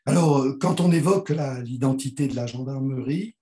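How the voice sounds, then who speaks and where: A man with a hoarse, croaky voice gives an academic talk as a professor, hesitantly, often clearing his throat. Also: medium pitch, normal speed, dark tone. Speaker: university professor and guest speaker. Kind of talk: academic talk, thinking aloud. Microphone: video call.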